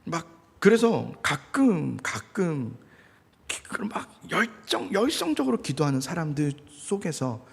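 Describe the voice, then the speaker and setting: A male pastor preaching in a conversational way, now and then acting out loud, angry prayers. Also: a little high, big pitch swings, a little slow, gravelly, breathy edge, big-room sound. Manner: conversational, acts out angry prayers with sudden shouts. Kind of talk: sermon.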